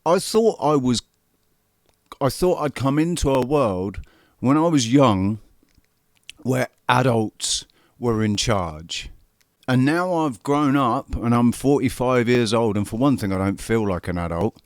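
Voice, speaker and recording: Commenting on a clip he's just played, this show host in his forties delivers angry, profane political commentary and hammers his points with repetition. He speaks unhurriedly in a mid-range voice with lively intonation, and the recording is dry and studio quality.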